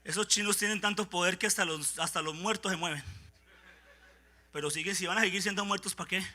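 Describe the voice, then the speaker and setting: A man delivers a fiery Pentecostal sermon in a church. His voice sits very high and sounds sharp and bright. He drops to quiet asides, then climbs into shouted preaching. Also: fairly quick. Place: church sanctuary.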